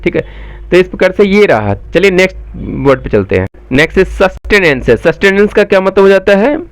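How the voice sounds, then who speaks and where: A man with a Bihari Hindi accent teaching a spelling lesson for exams. He spells each word slowly letter by letter, then explains its meaning quickly and asks his viewers questions. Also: high-pitched, expressive, no echo. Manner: asks the viewers questions and answers them himself. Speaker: exam coaching teacher.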